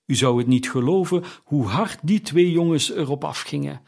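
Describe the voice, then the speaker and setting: A man reading a classic story aloud as narrator, in a slow and deliberate way. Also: on the high side, vocal fry, a little mellow. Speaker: audiobook narrator.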